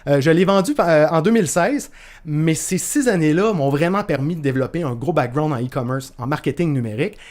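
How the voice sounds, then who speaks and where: A man with a Québécois French accent leads a live online masterclass, his voice sitting a little high for a man. He talks in a loose, chatty way, with plenty of fillers and restarts, and greets viewers by name. The sound comes through a video call. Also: lively intonation, fairly quick, darkish tone. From northern Quebec, Canada. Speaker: masterclass host. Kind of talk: live webinar presentation.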